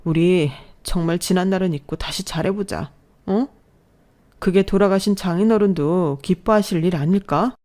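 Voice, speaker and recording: A woman's voice: lowish voice, moderate pace, darkish tone, lightly acted. A woman voicing a two-faced husband who pleads in a fawning, wheedling way. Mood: pleading.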